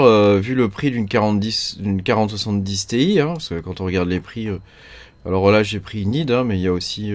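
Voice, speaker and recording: A man's voice: on the low side, darkish tone. A man from France hosts a mining channel, explaining things in casual, rambling talk full of fillers. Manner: rambling, many fillers like euh, hein, quoi. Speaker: crypto mining channel host.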